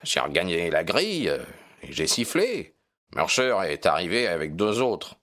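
A man doing a gruff hesitant old-time constable. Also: deep voice, very animated, moderate pace, fairly bright tone. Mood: recounting. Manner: colloquial, hesitant with fillers. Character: gruff working-class male London constable. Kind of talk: audiobook reading.

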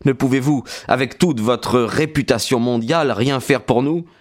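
A man reading an audiobook, voicing a distraught male school head who speaks in a hurried, pleading way. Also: medium pitch, voice pushed up, natural voice. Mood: frantic.

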